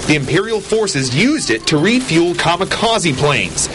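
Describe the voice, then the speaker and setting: An American man narrating a scripted television news report with a dramatic, deliberate storytelling delivery. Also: fairly high pitch, sing-song, over loud music.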